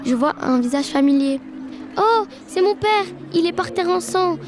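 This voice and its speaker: A woman's voice: sits high, a little fast, background noise, natural voice. Rosa, a tearful girl, read by a woman. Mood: grieving. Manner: tearful, pleading. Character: distraught young girl who lost her father. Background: background music.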